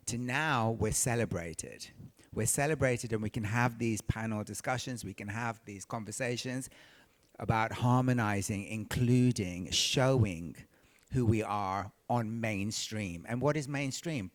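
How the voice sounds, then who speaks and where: A man from Tanzania speaks on a music industry panel. His voice sits a little low, and he talks earnestly, often repeating a phrase to make it land. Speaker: panel speaker, recording artist. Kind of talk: panel discussion, personal storytelling.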